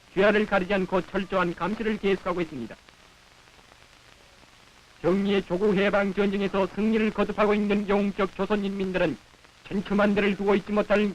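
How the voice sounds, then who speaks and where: A man's voice: sits high, a little hiss or hum, low-quality recording. A man with a North Korean accent reading scripted 1950s propaganda newsreel narration in a solemn, declamatory manner on an old film soundtrack.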